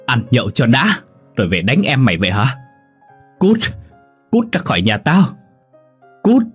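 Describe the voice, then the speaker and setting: Một người đàn ông giọng khàn, giọng miền Nam, lồng tiếng một bà mẹ già khổ cực đang giận dữ quát mắng. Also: male voice, expressive, a little fast, husky, no room sound, soft background music. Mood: scolding. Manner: scolding, shrill outbursts. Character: angry worn-out old mother, shrill and wailing.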